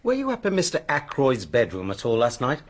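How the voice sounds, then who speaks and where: Animated, brusque male police inspector. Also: medium pitch, fairly quick. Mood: stern. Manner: brusque, interrogating, slightly patronising. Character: brisk, blunt, self-assured male police inspector. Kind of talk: radio drama acting.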